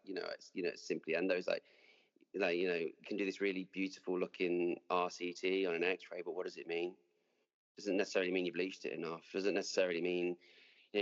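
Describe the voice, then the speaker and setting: Low-voiced man, rambling. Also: long reverb tail, lo-fi sound. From English Midlands. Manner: chatty, rambling with many restarts and fillers. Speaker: dentist guest. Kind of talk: casual interview.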